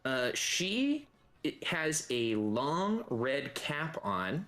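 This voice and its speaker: A man running a tabletop game as dungeon master, describing rooms in a relaxed way with many fillers. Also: fairly high pitch, drawn-out words.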